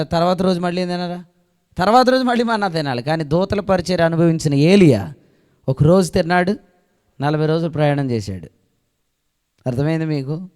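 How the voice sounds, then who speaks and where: A male pastor preaching a sermon who keeps asking the congregation questions and swings between loud declarations and soft asides. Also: a little high, clean tone. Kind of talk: Telugu sermon. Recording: long echo of a hall.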